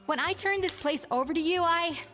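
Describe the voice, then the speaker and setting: A composed former head chef who speaks with calm dignity in a high voice. A long reverb and soft game music sit behind her. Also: fairly quick.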